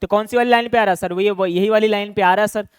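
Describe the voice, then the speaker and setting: A young man teaching an online maths exam-prep lesson, chatty and quick, calling students "beta" and "bhaiya" and answering his own questions. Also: high-pitched, fairly even intonation, clean tone, no echo, studio quality.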